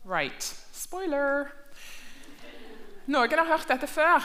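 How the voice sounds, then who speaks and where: Lively woman teaching children. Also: sits high. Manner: lively, asks children questions and repeats in two languages. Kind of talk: bilingual Sunday school lesson.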